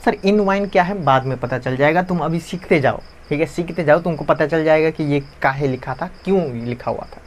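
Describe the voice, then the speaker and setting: A man with a fairly high voice, teaching in a loose, chatty classroom style. He keeps asking questions and answering them himself, repeating each key term so it sticks. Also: brisk, few pauses. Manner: conversational, asks and answers his own questions, repeats key terms.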